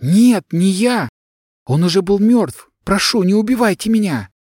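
Guy doing a frightened young woman begging, high-pitched. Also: animated, measured pace, darkish tone, husky, no room sound, clean studio sound, heavily acted. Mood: pleading. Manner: pleading, trembling.

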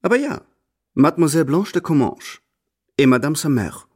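A man's voice: fairly high pitch, big pitch swings, moderate pace, darkish tone, slightly rough. An actor playing a haughty, scheming French marquis in a radio drama, pompously slipping French phrases into his speech.

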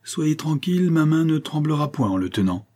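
Young Russian count, furious and jealous, low dark husky tone; man reading. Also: expressive, fairly quick. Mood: tense. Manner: agitated, vehement outbursts. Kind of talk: audiobook character reading.

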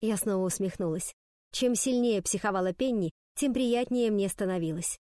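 A woman reading first-person narration for an audiobook in a steady storytelling manner. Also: medium pitch, normal speed, no echo, studio quality.

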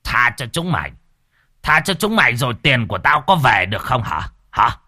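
A man's voice: mid-range voice, very animated, normal speed, sharp tone, pitched above the performer's own voice, exaggerated voice. A man voicing a greedy, cruel old village chief who screams abuse at his servants. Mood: furious. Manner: screaming, abusive tirades.

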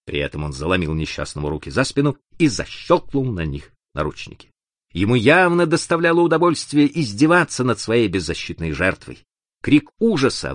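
A man narrating an adventure audiobook in an expressive, dramatic reading. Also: mid-range voice, no room sound, clean studio sound.

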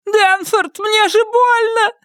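A woman voicing a meek, terrified housewife who cries and pleads in a shrill, panicked voice. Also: expressive, slow, no echo, studio quality. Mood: crying. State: crying. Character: terrified, meek older housewife being hurt.

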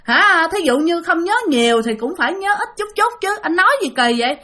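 A woman voicing an indignant young wife who protests shrilly and fast. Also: very high voice, expressive, pushed and bright, voice pushed up, full character voice.

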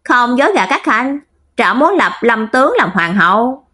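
Lady doing a young emperor, formal n solemn, a bit higher, breathy. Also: big pitch swings, moderate pace, pushed and bright, full character voice. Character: young male emperor, earnest and scheming.

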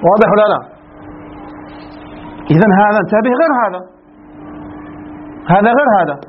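A man teaching an Arabic grammar lesson, drawing out key words slowly and often asking the class whether it is clear. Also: high voice, lively intonation, a little hiss or hum. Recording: dull lo-fi recording.

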